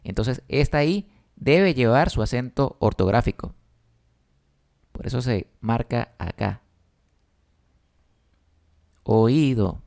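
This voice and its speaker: A man's voice: mid-range voice, expressive, measured pace, creaky, a little mellow. A man, patiently explaining a spelling lesson with emphatic stresses. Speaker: teacher.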